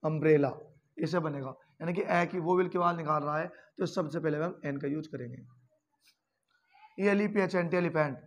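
A man's voice: on the high side, normal speed. A man teaching grammar, spelling words out letter by letter and calling his viewers friends. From India. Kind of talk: classroom-style lesson.

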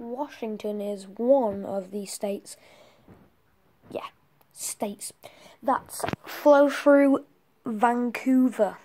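Higher-pitched, unhurried woman doing a homework presentation, chatty, full of whispered self-corrections. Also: darkish tone. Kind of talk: homemade geography presentation.

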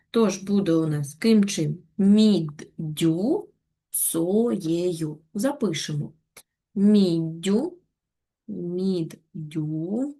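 A woman teacher giving a patient, step-by-step online lesson to young schoolchildren, with gentle reminders. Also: medium pitch. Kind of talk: online Ukrainian lesson for children.

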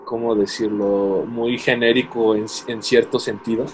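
A man's voice: mid-range voice, level tone, measured pace, soft background music, rough recording. A young man with a Mexican accent in casual chat, thoughtful and hesitant, searching for words as he reviews a series. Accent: Mexican Spanish.

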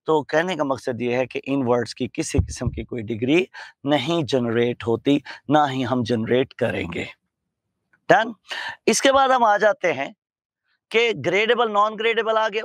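A man's voice: sits high, fairly bright tone, dry recording. A man teaching grammar as a lecturer, drawing out key words and asking rhetorical questions. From Pakistan. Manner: slow, drawn-out emphasis with rhetorical questions. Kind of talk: grammar lecture in Hindi-English mix. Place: teaching studio.

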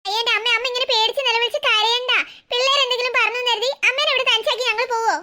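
A woman voicing a reassuring father in a cartoon who calms his mother. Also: very high-pitched, racing. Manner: soothing, reassuring.

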